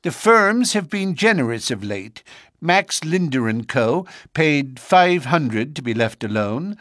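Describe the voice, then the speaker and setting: Man doing a brash treasurer, high and boastful, callous, dry close sound. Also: very animated, takes it slowly, a bit bright, no room sound, heavily acted.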